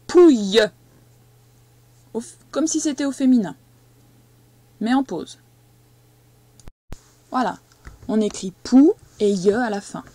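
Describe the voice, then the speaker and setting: A woman teaching a young child to read, speaking slowly and patiently and stressing each syllable as she dictates. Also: on the high side, dark tone, no room sound. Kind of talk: reading and spelling lesson for a young child.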